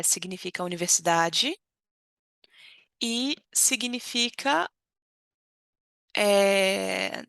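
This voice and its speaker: A woman's voice: medium pitch, vocal fry, fairly bright tone, dry recording, studio quality. A young adult Brazilian woman teaching a vocabulary lesson, speaking carefully and repeating words for learners. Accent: Brazilian Portuguese. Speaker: Portuguese teacher. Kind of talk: vocabulary lesson explaining expressions.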